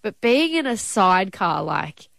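A woman's voice: medium pitch, sing-song, measured pace, vocal fry, fairly bright tone, dry recording. Gushing young Australian woman, dry studio sound. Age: young adult. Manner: gushing, informal. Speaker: radio promotions presenter. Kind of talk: casual enthusiastic radio chat.

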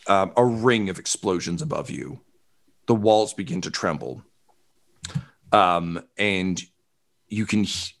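A man narrating as game master of a tabletop game, relaxed, with lots of fillers and swearing. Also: deep voice.

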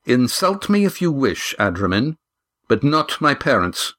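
A man's voice: medium pitch, very animated, measured pace, fairly bright tone, voice pushed up. A man narrator voicing a proud young man who speaks earnestly and firmly in an audiobook. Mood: indignant.

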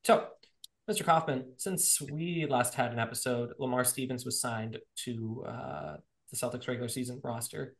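A man's voice: mid-range voice, moderate pace, vocal fry. A man hosting a podcast in casual, joking chat, his voice sounding echoey in the room. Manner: upbeat, joking, plugs sponsors. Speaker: podcast host.

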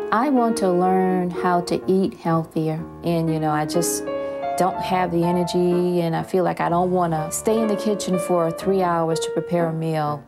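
A woman's voice: lowish voice, vocal fry. A middle-aged woman speaking candidly and informally about herself, as in a personal interview. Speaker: programme participant, working mother. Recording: music under the voice. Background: background music.

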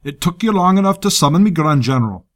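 A man's voice: on the high side, animated, quick pace, pitched above the performer's own voice, lightly acted. A man voicing a brash, scarred male military commander with a harsh, taunting manner. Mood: defiant.

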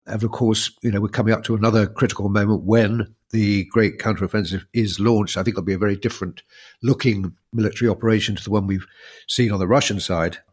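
Male podcast co-host, fairly low voice, croaky with illness, talking through analysis in a measured, conversational manner. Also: fairly even intonation, a little mellow.

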